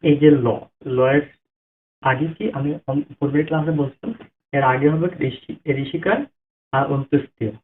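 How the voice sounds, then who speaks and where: A man teaching how to pronounce a devotional Sanskrit mantra, breaking words down slowly syllable by syllable and chanting examples. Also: a little high, fairly even intonation, a little hiss or hum. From Bangladesh. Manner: slow, careful syllable-by-syllable explanation. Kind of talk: spoken lesson with chanted examples. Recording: tinny phone-like audio.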